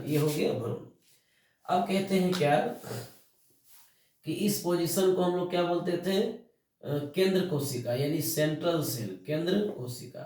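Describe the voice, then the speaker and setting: A man teaching biology, dictating notes and repeating key terms slowly while asking and answering his own questions. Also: on the high side, a little mellow. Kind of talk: classroom lecture, dictating notes. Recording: echoey room, mic at a distance.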